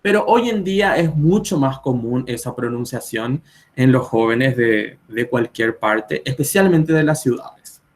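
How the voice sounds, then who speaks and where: On a live video stream, a Spanish teacher in his twenties with a Paraguayan Spanish accent patiently explains pronunciation using spoken examples. His medium-pitched voice is expressive and a little slow.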